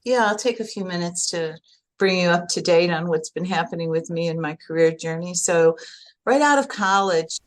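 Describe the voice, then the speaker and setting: A woman's voice: fairly low pitch, normal speed. An older woman from upstate New York, a podcast guest telling her career story in a chatty way, with frequent restarts. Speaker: guest, workforce association director. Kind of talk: interview answer, storytelling.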